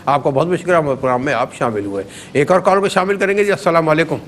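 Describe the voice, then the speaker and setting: A man's voice: a little high, a little hiss or hum. A man hosting a live call-in TV show, politely greeting callers and repeating their words back to them.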